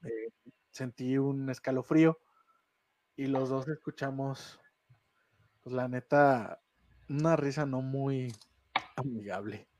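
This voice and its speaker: A man's voice: medium pitch, steady tone, slow pace, long pauses, a little mellow, no room sound. A man with a Mexican Spanish accent, co-hosting a casual podcast chat and telling a ghost story with slang and laughter. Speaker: podcast co-host.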